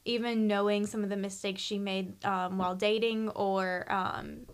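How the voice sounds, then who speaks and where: A woman's voice: mid-range voice, level tone, unhurried, smooth. A young woman guest talking casually and earnestly, with lots of ums and likes. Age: young adult. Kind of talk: casual conversation.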